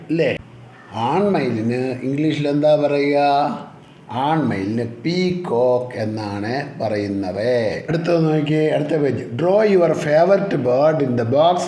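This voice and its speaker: A man with a Malayali accent, teaching children an English lesson slowly and patiently and spelling words out letter by letter. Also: a little high, a little mellow, roomy sound, a little hiss or hum. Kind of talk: explaining a school English text in Malayalam.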